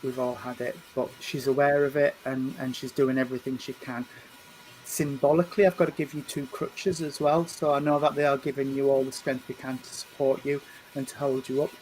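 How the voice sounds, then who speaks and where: A man, working as a medium and giving a spirit reading at a church service. He speaks gently and reassuringly, often stumbling over and repeating his words. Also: mid-range voice, little pitch movement, brisk, a little hiss or hum, poor audio. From England. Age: 50s. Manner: hesitant, repeats and restarts words.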